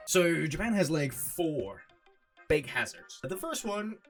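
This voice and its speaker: A man's voice: fairly high pitch, sing-song, takes it slowly, loud music behind the voice. A man from France with a French accent, talking English in a casual, rambling, sarcastic vlog style full of "like" fillers. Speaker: vlogger. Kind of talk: casual chatty explainer.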